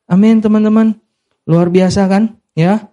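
A male preacher delivering a sermon in a high-pitched voice. He slips English words into his speech. He often calls out to the congregation and has them repeat lines to each other. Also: steady tone, measured pace, warm tone, dull audio.

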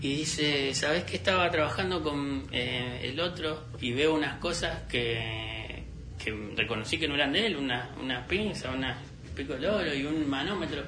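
A man's voice: medium pitch, moderate pace, echoey room, background noise. A young man with an Argentine Spanish accent, telling a personal story in casual chat, acting out the dialogue and laughing often. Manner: animated, acts out dialogue with laughter. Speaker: podcast host telling a story.

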